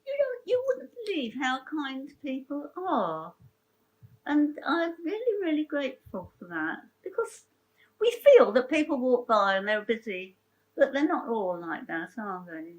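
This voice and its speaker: An older woman shares her life story in a heartfelt, chatty way, often stopping and starting again mid-sentence. Her voice sits high and swoops through a lively, wide range. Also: unhurried, poor audio. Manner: chatty, rambling, with frequent restarts; emotional and heartfelt. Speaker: interviewee sharing her story. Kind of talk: personal storytelling interview.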